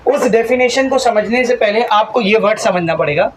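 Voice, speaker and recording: A man's voice: high-pitched, lively intonation, moderate pace, slight background noise, poor audio. A male chemistry teacher giving a classroom lecture, mixing English terms into his talk, calling students "beta" and asking the class questions that he then answers himself. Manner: asks the class questions and answers them himself, call-and-response drilling; addresses students fondly as "beta".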